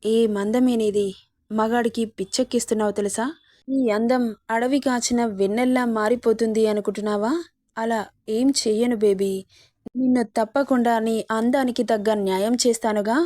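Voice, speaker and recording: A woman's voice: a little high, fairly even intonation, normal speed, dark tone, natural voice. A woman voicing an arrogant, cruel young husband who taunts and threatens his wife. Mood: leering.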